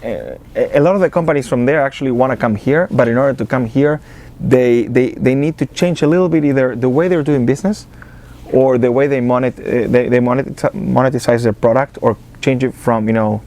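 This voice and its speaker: An Argentine man with an Argentine accent, director of a business accelerator, is a guest in an interview. His voice is mid-range with a darkish tone, and he talks casually and briskly, full of fillers and restarts.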